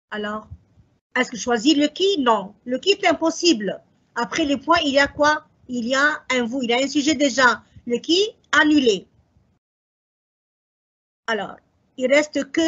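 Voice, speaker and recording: Woman, grammar teacher, high breathy voice, unhurried revision-class delivery that quizzes and self-answers, muffled low-fi audio. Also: fairly bright tone. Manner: slow, methodical, asks and answers her own questions. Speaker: French teacher. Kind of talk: exam revision lesson.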